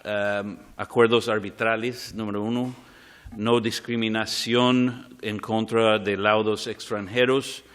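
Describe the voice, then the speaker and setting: A man giving a formal conference talk, halting as he searches for words. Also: fairly low pitch, a bit bright. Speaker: conference panelist, legal expert.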